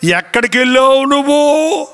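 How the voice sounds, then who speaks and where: Casting note: prying, accusing wife, voiced by a man, high and bright. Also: animated, moderate pace, exaggerated voice. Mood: suspicious. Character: suspicious nagging wife questioning her husband.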